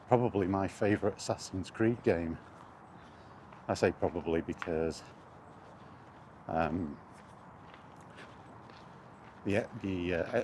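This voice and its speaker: A gaming vlogger walks outdoors while ranting indignantly in a casual spoken vlog. His voice is fairly low, and there's slight background noise.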